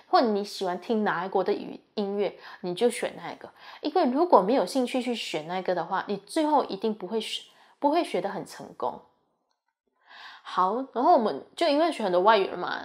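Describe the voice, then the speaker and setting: A young woman talks through her student experience in a chatty, earnest way. Her voice sits at an ordinary middle pitch, and she sounds like a university student passing on advice. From Malaysia. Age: young adult. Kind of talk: casual advice talk.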